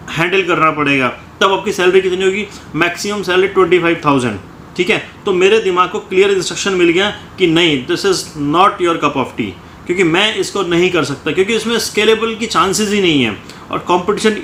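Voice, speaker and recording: A coaching teacher gives students a motivational talk in short, repeated phrases, frequently ending with "ठीक है". His voice is high-pitched and sharp. The room is echoey, with faint ambient noise.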